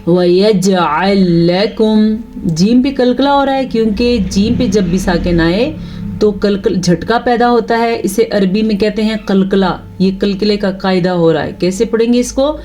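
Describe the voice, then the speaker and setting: A woman teaching tajweed, patiently explaining the rules and reciting her examples slowly and drawn out. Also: medium pitch, dark tone, slight background noise.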